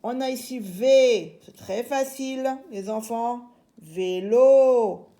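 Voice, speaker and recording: Slow and mellow, this woman teacher walks young children through a reading lesson, breaking every word into syllables. Her voice sits a little high, and her manner is patient and reassuring. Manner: slow, clearly segmenting syllables. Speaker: primary school teacher.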